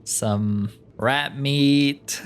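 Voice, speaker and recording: A gaming YouTuber with a smooth, mid-range voice chats casually through a let's-play of a fantasy roleplay game, thinking aloud as he goes.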